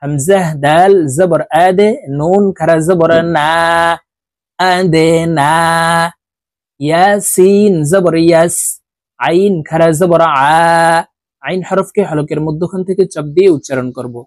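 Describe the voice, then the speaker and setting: A man teaching Quran letter reading, spelling out each syllable and then slowly drawing out the whole word. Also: a little high, a little mellow, no room sound. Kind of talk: slow spelled-out recitation lesson.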